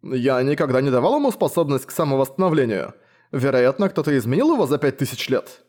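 Dude playing a stuck-up vampire baron, huffy and full of himself, storybook reading. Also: male voice, mid-range voice, sing-song, fast talker, a little mellow, close to an everyday voice. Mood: pompous. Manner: pompous, indignant. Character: vain, cowardly old vampire baron.

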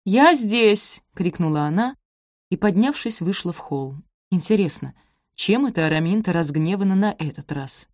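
Brief: female audiobook narrator, lower voice, measured delivery, dry close-miked sound. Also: lively intonation, a little mellow, no echo.

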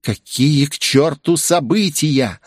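A man voicing a hot-tempered, scheming young noblewoman in an audiobook, with breathless, shrill outbursts. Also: slow, no echo, studio quality. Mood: furious.

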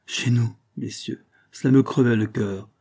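A man voicing a frail, gentle old man who pleads tenderly, in a storybook reading. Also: medium pitch, fairly even intonation, measured pace, creaky, slightly rough. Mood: sorrowful.

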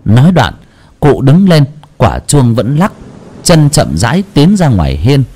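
A man narrating a horror story in a slow, brooding, expressive way. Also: medium pitch, breathy edge.

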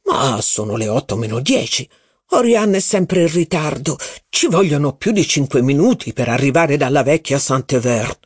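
A man reading aloud voices a blustering, impatient aristocratic duke who talks in loud exclamations. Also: medium pitch, sing-song, moderate pace, breathy edge, no room sound, clean studio sound.

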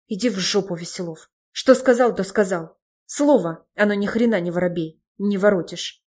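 A woman voicing a sharp-tongued, sarcastic young woman. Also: mid-range voice, moderate pace, natural voice. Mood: cutting. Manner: sarcastic, cutting.

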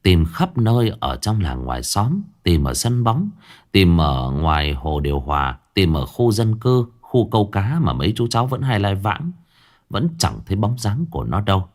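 A man's voice: deep voice, sing-song, moderate pace. A man narrating a scripted ghost story in a dramatic, storytelling manner.

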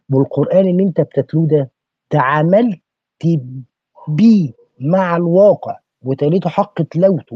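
A man's voice: a little high, husky, dry recording. A man with an Egyptian accent speaking passionately in a podcast discussion, firing off rhetorical questions like a preacher. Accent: Egyptian Arabic. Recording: dull lo-fi recording.

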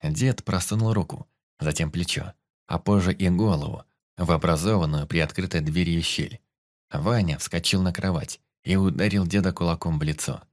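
A man narrating a story in a steady storytelling manner. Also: low voice, moderate pace. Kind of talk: audiobook narration.

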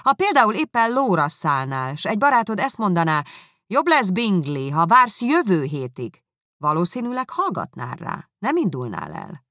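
A woman reading aloud, voicing a reserved, proud young gentleman who speaks in a cool, measured way. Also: on the low side, wildly swooping pitch, no echo, clean studio sound, exaggerated voice. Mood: lecturing. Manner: cool, measured, dryly critical.

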